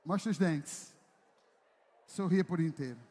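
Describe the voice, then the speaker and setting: A man preaching a sermon as pastor, joking with the congregation and rising into loud, emphatic preaching. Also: fairly high pitch, unhurried. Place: church. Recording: echoey church hall.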